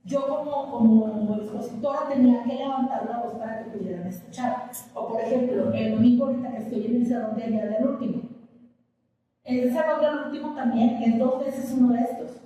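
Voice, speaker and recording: A woman's voice: on the high side, fairly quick, dark tone, muffled recording. A woman teacher giving a patient classroom lecture, explaining with everyday examples and questions to her students. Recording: echoey classroom from a distant mic with faint ambience.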